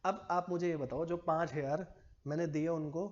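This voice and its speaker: A man's voice: fairly high pitch, fairly even intonation, moderate pace, a little mellow, lo-fi sound. A man teaching commerce to a classroom, chatty and teasing, quizzing his students as he goes. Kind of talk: classroom lecture.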